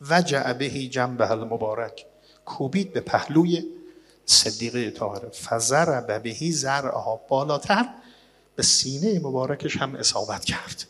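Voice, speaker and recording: A man delivering a sermon, reading and translating old texts with dramatic swings between loud declaiming and hushed low passages. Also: animated, husky. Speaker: preacher. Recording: long reverb, as in a large hall.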